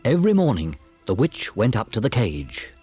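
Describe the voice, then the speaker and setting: A male narrator reading a fairy tale for a storybook cassette, his voice fairly low but rising and falling expressively. He tells the story with dramatic flair while soft music plays underneath. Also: huge pitch swings, normal speed, slightly rough.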